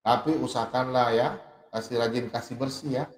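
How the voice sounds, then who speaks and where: A man preaching a heated sermon, emphatic and mocking, swinging between loud outbursts and low asides. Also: fairly even intonation, a little fast, echoey room, a little hiss or hum.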